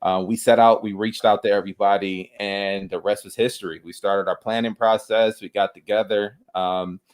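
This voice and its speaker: An easygoing man co-hosting a casual podcast, with a lowish voice. He tells the story loosely and keeps tacking "man" onto the ends of his lines. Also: flat delivery, moderate pace, smooth. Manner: easygoing, says "man" a lot. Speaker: podcast co-host. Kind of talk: casual chat.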